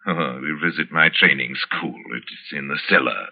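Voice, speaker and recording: An actor playing a suave, boastful, cold-blooded aristocratic general in a vintage radio drama, speaking with urbane, theatrical deliberation. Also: male voice, a bass voice, moderate pace, gravelly, exaggerated voice. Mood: smug, menacing. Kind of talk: 1940s radio drama acting. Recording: dull, lo-fi vintage radio recording.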